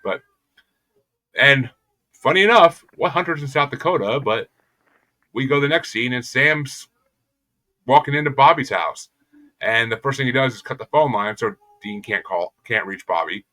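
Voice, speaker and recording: A man's voice: medium pitch, unhurried, long pauses, bright, forceful tone, rough recording. A young adult man casually recapping a TV episode as a podcast co-host, tossing in crude jokes. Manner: crude, joking retelling of plot.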